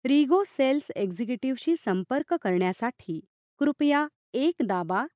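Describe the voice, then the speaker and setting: A woman delivers a scripted phone menu in a polite customer service voice. Her pitch sits on the high side and moves in lively swings. The delivery is formal, and the sound is close and dry. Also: no room sound. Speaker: IVR phone menu announcer.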